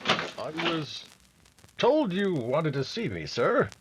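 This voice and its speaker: A man playing a dutiful, deferential Mountie sergeant in a 1950s-style radio drama, husky and hesitant before his superior. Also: a little high, huge pitch swings, slow, noisy background, full character voice. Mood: uneasy, respectful.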